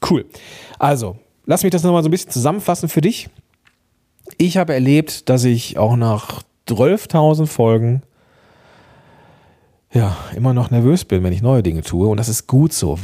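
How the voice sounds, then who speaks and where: A man hosting a podcast, giving chatty, encouraging advice straight to the listener and often checking in with a quick "ja?". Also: medium pitch, warm tone, slightly rough. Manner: chatty, encouraging, addresses listener directly with frequent "ja?". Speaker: podcast host and coach. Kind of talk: casual podcast advice monologue.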